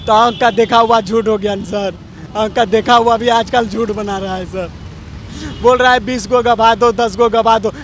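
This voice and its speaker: A man giving a street interview, pleading and aggrieved. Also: very high-pitched. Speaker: victim's brother.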